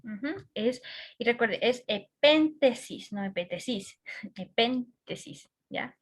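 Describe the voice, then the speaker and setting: A woman's voice: fairly high pitch, slow pace. An Ecuadorian woman teaching a class over a video call, patient and checking often that students follow. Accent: Ecuadorian Spanish.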